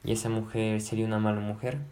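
A man reading aloud, voicing a shy, blushing young maid who protests softly. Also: lowish voice, flat delivery, quick pace, close to an everyday voice. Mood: tearful. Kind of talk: audiobook narration.

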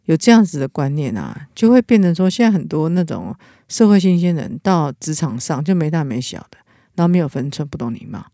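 A teacher and podcast co-host with a Taiwanese Mandarin accent earnestly shares a personal story in casual chat, often pausing and starting over. The voice is mid-range, sing-song, fairly quick and warm, recorded dry at studio quality.

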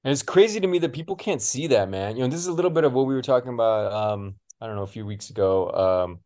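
A man's voice: mid-range voice, expressive, quick pace, warm tone. A man in casual podcast chat, rambling with many fillers and casual swearing.

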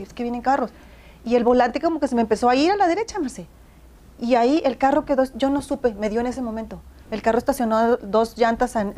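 A woman's voice: on the high side, mellow. A woman telling her story in casual conversation, acting out dialogue and laughing often.

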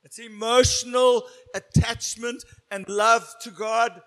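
A man preaching a sermon in short phrases, pausing after each one so an interpreter can translate. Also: very high voice, flat delivery, fairly bright tone, soft background music.

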